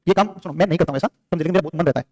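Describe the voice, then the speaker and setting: His voice sits on the high side with a darkish tone, and he races through a classroom lecture. The teacher hammers facts home by repeatedly asking questions and answering them, breaking off to scold or joke with students.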